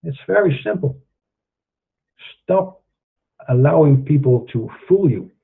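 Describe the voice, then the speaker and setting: Speaking slowly and expressively, a middle-aged man with a Dutch accent preaches earnestly to viewers of his online show in a monologue to camera, stumbling through many fillers and restarts. His fairly high voice is gravelly and husky, and the sound is narrow and tinny.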